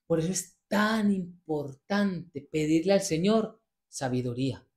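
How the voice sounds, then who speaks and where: A man preaching a sermon on a Bible passage, earnest and emphatic, slowing down to stress key words and repeating pleading prayers. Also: a little high, lively intonation, a little mellow.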